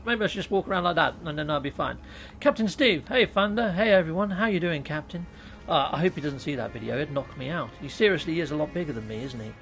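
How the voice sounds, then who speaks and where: Quick and animated, his voice on the high side, creaky and a bit bright, a British man in his thirties jokes with viewers as he live-streams a game, poking fun at himself. The audio quality is poor. He's speaking into a USB mic set on top of a laptop in a small room at home.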